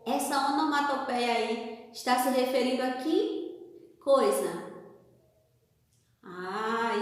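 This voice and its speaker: A woman teacher with a Brazilian Portuguese accent, correcting a worksheet aloud, patiently asking questions and pausing for answers. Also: sits high, pushed and bright. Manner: acts out sound effects and whispers for examples. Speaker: primary school teacher. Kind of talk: remote lesson correcting a worksheet. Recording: very echoey room with long reverb.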